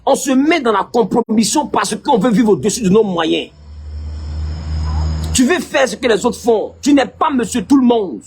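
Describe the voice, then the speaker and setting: A male pastor with an Ivorian French accent, preaching a lively sermon and teasingly scolding his listeners. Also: very high voice, normal speed, a little hiss or hum.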